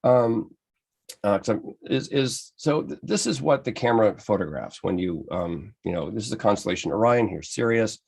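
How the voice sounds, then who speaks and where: Gravelly-voiced American man presenting. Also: lowish voice, lively intonation, moderate pace, darkish tone. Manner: enthusiastic, conversational, many restarts. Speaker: photography presenter. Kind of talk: slide-based club lecture.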